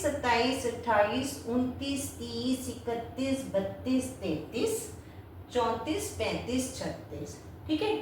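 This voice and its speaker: A woman teaching a beginners' lesson, patiently explaining step by step and checking in with the learners. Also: sits high. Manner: patient, repeats "ठीक है" and checks with questions. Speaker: Sanskrit teacher. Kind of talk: explaining at a whiteboard. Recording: very echoey room, mic far off, faint noise.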